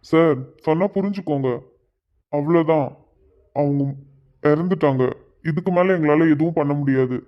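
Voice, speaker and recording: A hospital doctor in a cartoon, voiced by a man, firm and formal in a slightly high voice. The audio is dull and lo-fi. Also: normal speed, long pauses, lightly acted. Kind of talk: Tamil cartoon voice acting.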